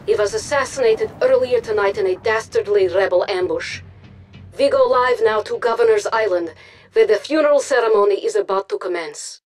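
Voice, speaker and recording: A woman's voice: on the high side, darkish tone, rough recording. A woman playing a poised, solemn propaganda news anchor, reading a formal scripted newscast in a video game. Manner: formal, grave. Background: music.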